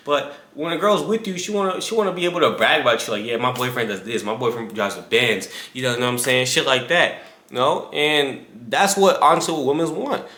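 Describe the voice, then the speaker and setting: A man's voice: medium pitch, pushed and bright. A man in his twenties giving casual advice straight to the viewer, full of slang and asides. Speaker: fitness creator. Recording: echoey room.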